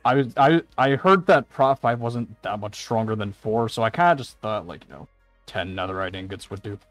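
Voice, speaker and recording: A man's voice: fairly low pitch, normal speed, a bit bright, faint music behind. A man playing a game and bargaining in casual improvised role-play, with a hesitant, understated manner.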